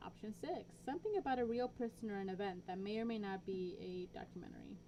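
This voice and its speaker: A woman co-hosts a podcast with a dry, offhand manner, reading quiz questions aloud in an easy chatting tone. Her pitch sits in the middle. A clear, steady hiss runs under her home recording. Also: fast. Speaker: podcast co-host. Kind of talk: casual chat.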